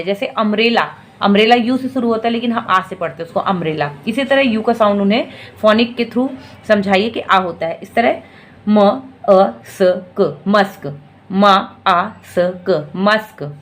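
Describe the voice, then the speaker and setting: Woman slowly spelling out fruit names. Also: on the high side. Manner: slow, drawn-out syllable-by-syllable spelling; patient and instructive. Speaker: teacher giving parenting tips. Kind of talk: spelling lesson for parents.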